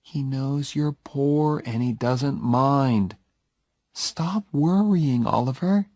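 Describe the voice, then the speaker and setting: A man voicing a gentle young woman in an audiobook story, speaking softly and slowly in a raised voice. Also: medium pitch, no room sound, clean studio sound, pitched above the performer's own voice. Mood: reassuring. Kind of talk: storybook reading.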